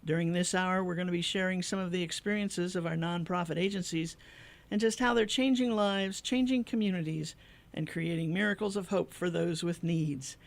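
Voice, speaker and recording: A middle-aged woman from the American Midwest hosting a casual radio interview show, chatty and quick to laugh along with her guest. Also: fairly low pitch, fairly even intonation.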